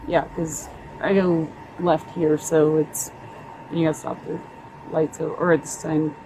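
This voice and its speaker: A woman being questioned by police, giving a casual account in a halting, hedging way that trails off. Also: deep voice, flat delivery, mellow. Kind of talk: casual spoken account to an officer. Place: outdoors at a roadside. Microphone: police body camera worn by another person. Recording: noisy roadside bodycam with vehicle sounds. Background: traffic and outdoor ambience.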